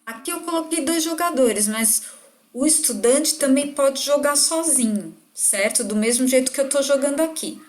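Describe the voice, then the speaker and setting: A woman teacher demonstrating word games for a class, explaining patiently and stretching words out clearly. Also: high voice, expressive, moderate pace. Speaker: literacy teacher. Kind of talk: online lesson demonstration.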